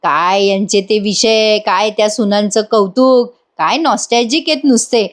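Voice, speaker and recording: A woman's voice: mid-range voice, normal speed, close to an everyday voice. A woman reading the lines of a gossipy, sarcastic middle-aged aunt.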